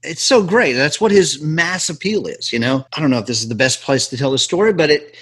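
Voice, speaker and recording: A man co-hosting a casual music podcast, relaxed and quick with trivia. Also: a little high, slightly rough. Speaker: podcast co-host.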